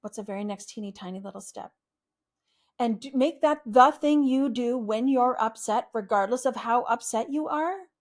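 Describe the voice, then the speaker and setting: A woman therapist in a podcast interview, speaking in a gentle, soothing, reflective way. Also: a little high, moderate pace.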